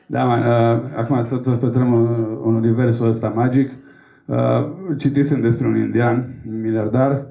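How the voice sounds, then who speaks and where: A man's voice: mid-range voice, flat delivery, vocal fry, warm tone, roomy sound. A man from Romania doing a stand-up set, telling crude, rambling and profane stories on a comedy club stage.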